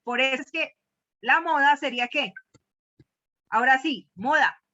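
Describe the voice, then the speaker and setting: A woman's voice: high-pitched, a little slow, sharp tone. A woman teaching a math class, questioning her students and repeating key words. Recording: dull lo-fi class recording.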